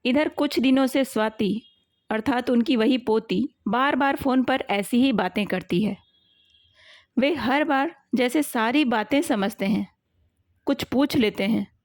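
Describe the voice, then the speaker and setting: A woman narrating a story at an unhurried, measured pace. Her voice sits fairly high and is recorded close and dry, with no room sound. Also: no room sound. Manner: measured, calm reading.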